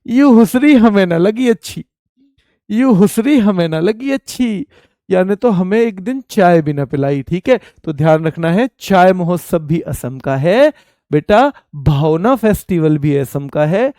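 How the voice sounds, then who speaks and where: A male teacher giving an exam-prep lecture, telling a lively story with rural dialect words and repeating key terms to drill them. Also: high voice, smooth, no echo, studio quality.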